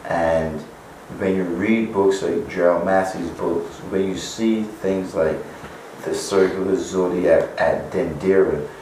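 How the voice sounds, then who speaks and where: A Barbadian author, appearing as a guest, answers interview questions at length with spiritual teaching and lots of "you know" fillers. His voice is deep and warm, with a steady tone and slow pace. The echoey room sounds far off, with faint noise.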